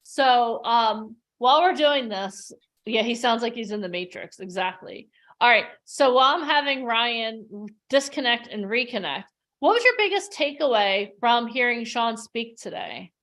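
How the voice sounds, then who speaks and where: Chatty playful woman host on a video call, kinda high voice. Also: expressive, unhurried, a bit bright. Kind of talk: livestream workshop hosting.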